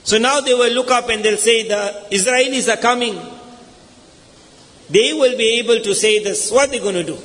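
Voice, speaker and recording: A man's voice: very high voice, a little fast, few pauses, a bit bright. A man with a South African accent preaching a sermon in a mosque, telling a story and acting out the quoted lines with rising intensity. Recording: long hall reverb in a mosque.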